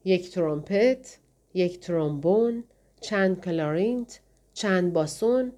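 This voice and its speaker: Woman narrating an audiobook. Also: fairly low pitch. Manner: steady storytelling, voicing the characters in turn. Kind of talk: scripted narration.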